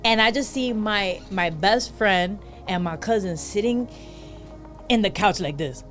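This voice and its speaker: Woman comedian guest, lively anecdote teller, mid-pitched, music playing under her. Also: measured pace. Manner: animated, acts out other people's lines. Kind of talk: casual storytelling.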